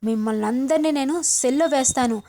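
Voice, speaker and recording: A woman reading the lines of an indignant young policeman shouting accusations in a soap retelling. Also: high voice, brisk.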